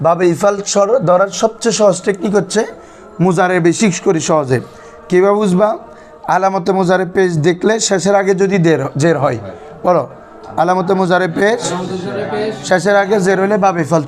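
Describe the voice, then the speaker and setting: High-voiced man teaching Arabic grammar. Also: a little fast. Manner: quizzes students with repeated questions. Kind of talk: classroom lesson.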